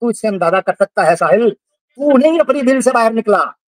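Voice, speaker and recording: A man's voice: very high-pitched, lively intonation, fairly quick, dry recording. A man hosting a livestream debate, taunting and repeating his jabs in a heated call-out. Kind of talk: heated live call-out on stream.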